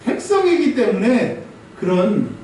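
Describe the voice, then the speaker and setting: Animated male pastor, high voice, sermon in a big echoey church, mic at a distance. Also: measured pace, slight background noise. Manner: animated preaching, acting out voices and scolding, laughing often. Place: church sanctuary.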